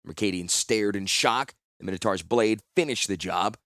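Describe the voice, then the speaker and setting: A man reading a fantasy audiobook as scripted narration, in a steady, measured storytelling manner. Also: lowish voice, no echo, clean studio sound. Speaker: audiobook reader.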